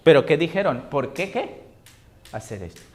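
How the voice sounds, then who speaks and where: A male pastor delivering a sermon with a notably high voice. He keeps asking the congregation questions and filling in the answers himself, rising to loud emphatic readings before dropping into soft, low remarks. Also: sing-song, normal speed. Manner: preaching with call-and-response questions to the congregation; swings between raised emphatic reading and low, quiet asides.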